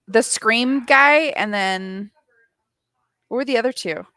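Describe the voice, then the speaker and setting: A woman's voice: on the high side, slow pace, bright, forceful tone, clear, resonant tone, no echo, studio quality. Chatty young woman on a video call. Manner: chatty, laughs often, trails off mid-sentence. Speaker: host of reading sprints. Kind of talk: casual chat.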